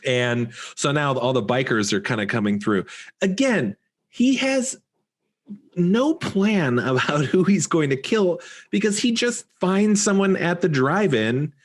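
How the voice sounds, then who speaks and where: A man co-hosting a podcast, casually recapping a horror film, animated and laughing often as he acts out the characters' lines. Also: fairly high pitch, unhurried. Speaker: podcast co-host. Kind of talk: casual movie-recap chat.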